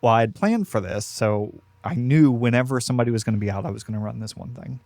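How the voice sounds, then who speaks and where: A man's voice: mid-range voice, fast talker, darkish tone, dry recording. A man telling a gaming story on a podcast, rambling and hesitant. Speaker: guest, dungeon master.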